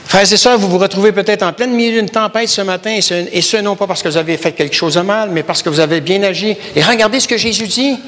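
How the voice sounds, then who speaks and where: A Canadian pastor with a Québécois French accent preaches a sermon emphatically, repeating phrases and calling the congregation brothers and sisters. His voice sits high and fairly bright, moving at a quick pace with few pauses, and a long reverb tail trails behind it.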